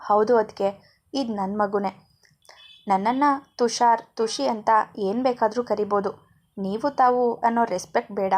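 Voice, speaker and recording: A woman voicing a friendly young father who talks quickly and brightly. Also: fairly high pitch, fairly even intonation. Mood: cheerful.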